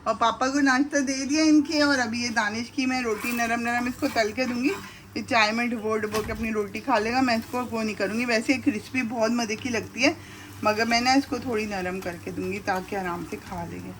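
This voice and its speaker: A woman's voice: fairly high pitch, steady tone, brisk, fairly bright tone, a little hiss or hum. A middle-aged woman chatting casually to viewers as she cooks breakfast in her home kitchen, speaking fondly to her sons, recorded on a handheld camera. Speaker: vlogger and mother. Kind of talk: casual cooking vlog narration.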